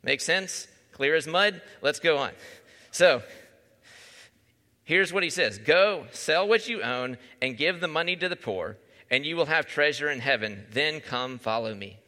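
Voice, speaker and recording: Male pastor, conversational sermon delivery, crisp bright tone, reverberant hall sound. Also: a little high, lively intonation, measured pace. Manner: conversational, asks the listeners questions.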